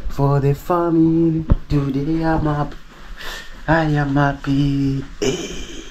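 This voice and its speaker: A man's voice: a little high, level tone, takes it slowly, slight background noise. Chatty Kenyan man vlogging. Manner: chatty, repeats words, thanks donors warmly. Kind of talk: casual vlog talk.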